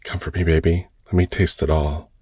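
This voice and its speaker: A man voicing a hushed, teasing lover. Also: little pitch movement, normal speed, breathy edge, dry recording, studio quality. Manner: hushed, low, intimate. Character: commanding, teasing lover of unstated sex. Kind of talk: erotic audiobook reading.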